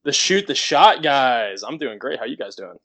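A man's voice: mid-range voice, very animated, normal speed, creaky, a bit bright, no echo. Easygoing young man guest on a podcast. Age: young adult. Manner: easygoing, playful. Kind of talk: casual chat.

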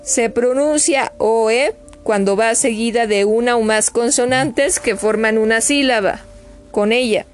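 Woman teaching english sounds really slowly, spells stuff out, repeats words over and over, faint music behind. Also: on the high side. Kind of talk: slow spoken lesson.

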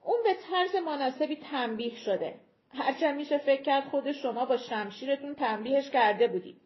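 A woman's voice: high voice, muffled recording, pitched above the performer's own voice, lightly acted. A woman voicing a persuasive giant leader who coaxes the tiny folk to come down from a mountain in an audiobook. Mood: apologetic. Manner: coaxing, persuasive.

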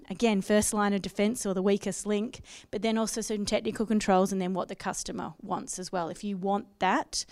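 Smooth-voiced woman explaining banking. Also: mid-range voice, a little mellow, no room sound. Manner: explanatory, with frequent ums. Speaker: banking industry panelist. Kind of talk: panel discussion.

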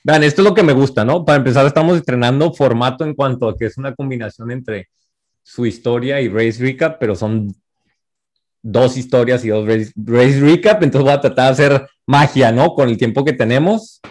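A young Mexican man with a Tijuana accent hosts a relaxed podcast chat over a video call. He talks at an easy middle pitch, loose and chatty, with lots of fillers and slang. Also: moderate pace. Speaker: podcast host.

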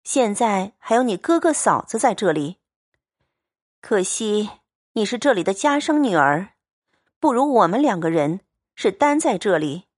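A woman voicing a calm, sensible young maid, measured and reasoning. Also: medium pitch, dry recording, studio quality.

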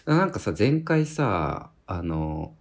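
Low husky guy from tohoku japan, podcast cohost chatting, pitch moves around a lot. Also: big pitch swings, slow. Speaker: podcast co-host. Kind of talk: casual chat.

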